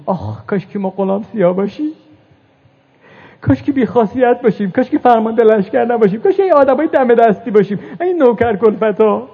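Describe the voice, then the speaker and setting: A man preaching a religious mourning sermon, reciting Arabic verses and moving between hushed telling and rising lament. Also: sits high. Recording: tinny phone-like recording.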